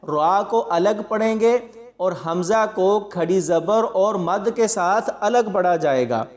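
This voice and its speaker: A man teaching Quran pronunciation in a spoken lesson, explaining each word calmly and spelling out the syllables slowly before reciting them. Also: high-pitched, big-room sound.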